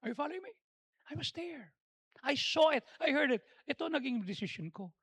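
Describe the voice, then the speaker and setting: A man's voice: extremely high pitch, lively intonation, moderate pace, a bit bright, no echo, clean studio sound. A man with a Filipino accent preaching a sermon as pastor, mixing English into his talk and acting out the voices in his stories, pressing harder on key points. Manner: switches between Tagalog and English, acts out quoted dialogue; emphatic, rising in force on key points. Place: church.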